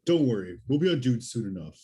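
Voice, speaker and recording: A man's voice: mid-range voice, sing-song, quick pace, warm tone, lightly acted. A man playing a big, dim, whiny henchman with a petulant, bullying manner in a sci-fi comedy spoof.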